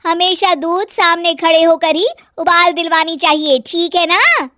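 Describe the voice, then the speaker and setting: A woman voicing a fussy, bossy young wife who nags in a shrill, scolding voice. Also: a little slow, bright, forceful tone, no echo, clean studio sound, full character voice. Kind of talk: cartoon story voice acting.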